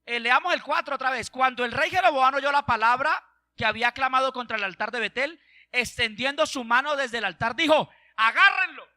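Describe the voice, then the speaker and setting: A man's voice: very high-pitched, fairly quick, pushed and bright, dry recording. A male pastor, preaching an emphatic call-and-response sermon.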